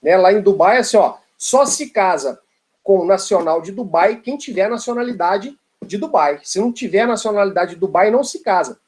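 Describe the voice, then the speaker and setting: A man's voice: high voice, animated, normal speed, darkish tone. A man giving an informal law lecture, telling a playful story with frequent tag questions and asides.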